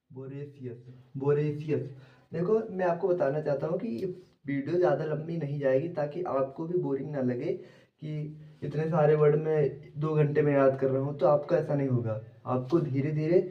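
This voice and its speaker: Guy with a hindi accent drilling vocab words over and over, kinda far from the mic, muffled audio. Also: on the high side. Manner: repetitive drilling with mnemonic tricks. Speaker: vocabulary teacher. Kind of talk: exam-prep vocabulary lesson. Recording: echoey room, distant mic, dull sound.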